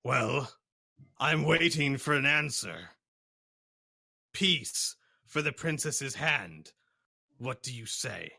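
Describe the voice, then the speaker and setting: A man's voice: mid-range voice, animated, takes it slowly, creaky, pauses often, bright, forceful tone, breathy edge, heavily acted. A man voicing an imperious, impatient envoy of a galactic empire in a tabletop game, formal, demanding and pompous.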